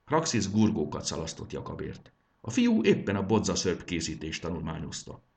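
A man narrating a children's fantasy audiobook with expressive storytelling. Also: deep voice, vocal fry.

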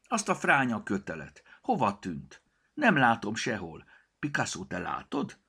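A man putting on a high, excited little girl. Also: gravelly, breathy edge, exaggerated voice. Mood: puzzled. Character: brave, curious little girl.

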